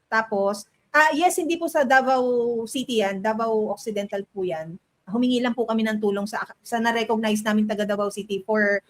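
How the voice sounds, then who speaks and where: Lady cohosting a politics show, bit high voice, chatty, reads out comments. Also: brisk. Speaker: co-host.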